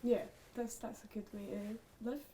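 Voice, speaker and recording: A woman's voice: fairly high pitch, flat delivery, normal speed, a crowd in the background. A woman interviewing a guest on a programme, encouraging him with short affirmations and asking follow-up questions. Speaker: interviewer, presenter. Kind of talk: casual interview.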